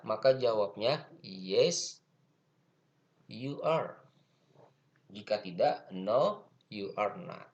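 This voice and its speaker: A man's voice: mid-range voice, gravelly. A male teacher with an Indonesian accent, patiently explaining English grammar in an online lesson and repeating each point.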